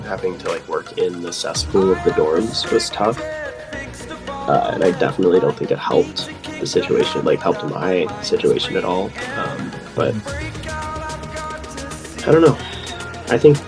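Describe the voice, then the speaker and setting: A young man in his twenties, a grad student, answering interview questions thoughtfully with many pauses and fillers. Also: deep voice, vocal fry. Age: 20s.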